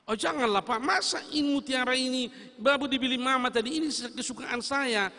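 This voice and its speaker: A man's voice: very high voice, brisk, bright, forceful tone, voice pushed up, heavily acted. A man voicing a little girl who pleads to keep her pearl, in a sermon story. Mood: pleading. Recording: reverberant church hall.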